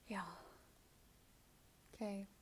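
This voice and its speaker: Drawing out her words in a slightly mellow voice, a woman streams live and talks casually with her audience, with a little noise in the background. She's soothing and playful in replying to comments but keeps firmly repeating no.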